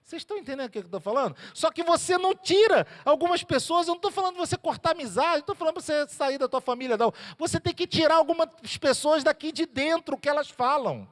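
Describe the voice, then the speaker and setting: Animated preacher, high voice, church reverb. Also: male voice, quick pace, few pauses. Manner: animated storytelling, acting out characters. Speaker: pastor. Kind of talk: sermon.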